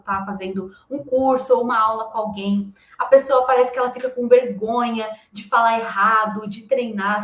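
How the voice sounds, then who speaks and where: Brazilian lady teacher giving a pep-talk lesson, kinda high voice, pushy and emphatic, roomy echo. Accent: Brazilian Portuguese. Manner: emphatic, insistent, tags sentences with questions. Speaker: English teacher. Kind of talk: motivational online lesson.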